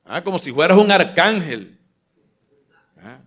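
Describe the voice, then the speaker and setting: A man's voice: high voice, big pitch swings, measured pace, fairly bright tone. A man preaching a live Sunday sermon from a church stage, emphatic and rousing, calling out questions for the congregation to answer. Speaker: pastor. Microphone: filmed from a stage mic.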